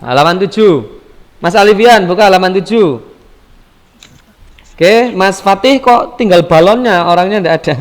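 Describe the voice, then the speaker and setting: A male primary school teacher leads an online class, patiently asking the pupils questions and repeating their answers. His voice sits high. The recording has a long, ringing room reverb. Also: lively intonation, moderate pace, long pauses.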